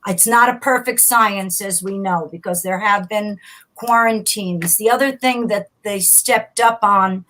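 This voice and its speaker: A woman's voice: mid-range voice, unhurried, fairly bright tone, poor audio. A woman guest on a call-in radio show, explaining school safety in an assured, reassuring way. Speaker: teachers' union leader, guest. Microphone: remote call.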